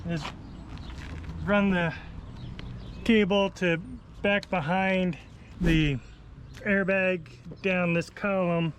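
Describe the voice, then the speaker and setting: A vehicle installer with a high voice and fairly even intonation draws out his words and pauses often. In this how-to video he casually works through an installation unscripted, thinking aloud, and the recording is noisy with clear vehicle sounds.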